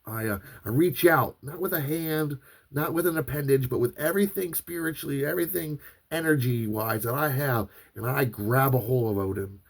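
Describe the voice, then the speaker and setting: A man's voice: medium pitch, moderate pace, creaky. A man hosting a podcast, telling a long personal story in a loose, rambling way with frequent restarts and filler words. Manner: rambling, restarts often, many fillers like "like" and "right". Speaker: podcast host. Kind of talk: casual storytelling monologue.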